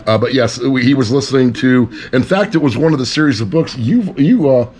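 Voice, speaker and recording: A man's voice: mid-range voice, brisk, darkish tone. A man hosting a casual book chat, sarcastic and swearing offhandedly. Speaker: podcast host. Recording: faint background noise.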